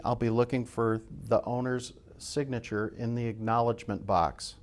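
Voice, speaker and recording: A man's voice: lowish voice, a little mellow. A man who works as a building inspector, narrating an instructional video step by step. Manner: procedural, step-by-step delivery.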